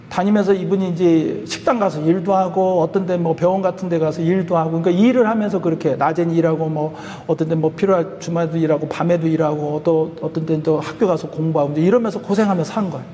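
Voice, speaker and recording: High-voiced pastor preaching in a reverberant church. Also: male voice, a little hiss or hum. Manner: chatty, animated storytelling with laughs. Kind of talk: sermon storytelling. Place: church sanctuary.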